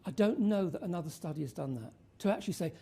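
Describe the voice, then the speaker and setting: Very dark-toned woman presenting to an audience. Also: fairly low pitch, animated, fast talker. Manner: addressing an audience, rhetorical questions and emphasis. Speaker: conference speaker. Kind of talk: informal research presentation.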